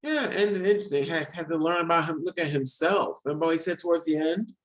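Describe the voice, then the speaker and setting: A man in his forties chatting casually on a video call, rambling quickly and self-deprecating. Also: on the high side, rough recording. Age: 40s. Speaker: discussion guest.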